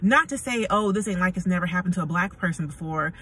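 A woman's voice: fairly low pitch, quick pace, fairly bright tone. A middle-aged American woman giving a casual, rambling talk to camera in a blunt, slangy, conversational way. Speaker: vlogger. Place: inside a car. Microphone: phone at arm's length. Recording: distant mic, noisy car ambience.

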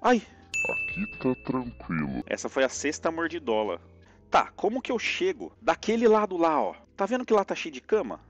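Excitable Brazilian man streaming a game. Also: a little high, fairly quick, dull audio, faint music behind. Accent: Brazilian Portuguese. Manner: excitable, yelps and groans at each jump. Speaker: streamer playing a platform game. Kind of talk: live gameplay commentary.

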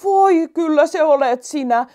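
A woman's voice: high-pitched, lively intonation, warm tone, pitched above the performer's own voice. A woman doing an overjoyed mother mouse. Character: loving mother mouse, emotional and warm.

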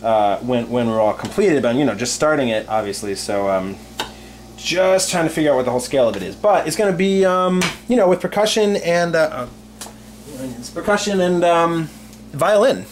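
Fairly high-pitched and expressive at a normal speed, a young composer hosts his tongue-in-cheek home cooking show indoors in a small kitchen with a brick wall. He rambles mock-earnestly with many fillers, and there's slight background noise.

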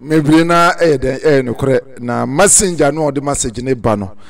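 Measured Ghanaian man commenting in studio. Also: medium pitch. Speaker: host, commentator. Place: small studio room indoors. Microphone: studio mic and headphones.

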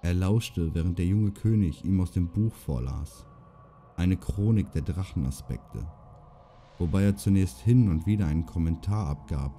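A male audiobook narrator with a low, mellow, dark voice. He reads in a steady, measured way. Soft music runs in the background. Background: faint music.

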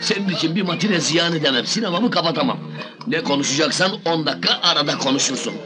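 A man's voice: a little high, fast, over music, lightly acted. A man playing a grumbling, self-important older cinema owner in a film comedy, blustering as he talks.

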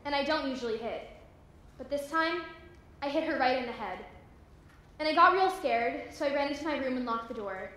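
A woman's voice: high voice, expressive, moderate pace, a bit bright. A woman acting a troubled teenage runaway girl, telling her story in an earnest, confessional stage monologue. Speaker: stage actor. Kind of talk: theatrical monologue. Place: library hall, live performance. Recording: echoey room, faint hiss.

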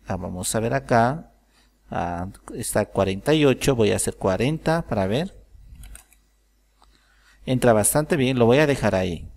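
A man calmly explaining a software tutorial step by step, thinking aloud as he works. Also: mid-range voice. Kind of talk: screen-recorded software tutorial.

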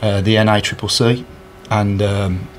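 This man talks a bit slowly in a lowish voice that barely shifts in pitch, with a slight hiss or hum underneath. He organises a charity match and, indoors in front of a sponsor board, gives sincere interview answers full of fillers and restarts into the interviewer's handheld recorder.

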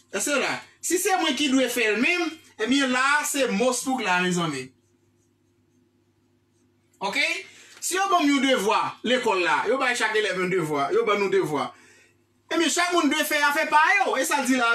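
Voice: medium pitch, pushed and bright, far from the mic. A Haitian-accented teacher giving a live online English grammar lesson, repeating phrases and switching languages while explaining.

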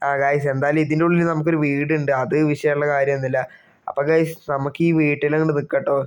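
A young man talking through a game for his channel, animated and comic, breaking into yelps and exclamations. His voice sits on the higher side and is very smooth and clear. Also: fast. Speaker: gaming YouTuber. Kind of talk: gameplay commentary with role-play.

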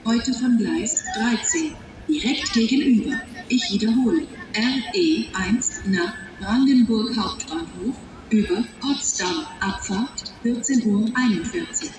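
A woman making scripted train platform announcements in a flat, measured manner, heard over a station loudspeaker. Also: a little high, over music. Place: large train station hall, heard over public address. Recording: echoey station loudspeaker from far off.

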